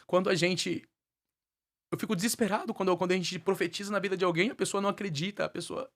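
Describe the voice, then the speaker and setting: A man speaking quickly in a fervent preaching rhythm, his voice a little above the usual male pitch. He tells his story as a testimony and circles back on key phrases to drive them home. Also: fairly even intonation, fairly bright tone. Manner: fervent, repeats phrases for emphasis. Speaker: guest minister sharing his life story. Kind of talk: emotional testimony with preaching cadence.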